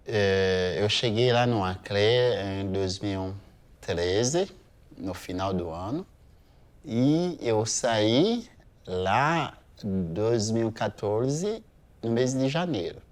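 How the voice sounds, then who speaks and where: Slow, hesitant Haitian man in his thirties. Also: fairly low pitch, lively intonation. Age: 30s. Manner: slow, hesitant, many pauses and fillers. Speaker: interviewee. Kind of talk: museum testimony.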